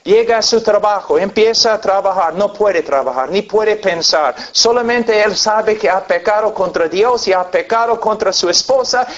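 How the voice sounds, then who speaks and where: Man preaching, kinda higher voice, earnest storytelling, muffled lo-fi recording. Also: moderate pace, few pauses. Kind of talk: sermon. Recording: dull lo-fi recording.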